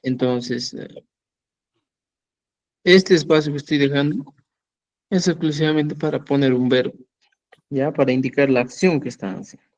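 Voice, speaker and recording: A man's voice: on the high side, a little mellow, lo-fi sound. A man teaching a language lesson, patiently repeating words and often checking that his students follow.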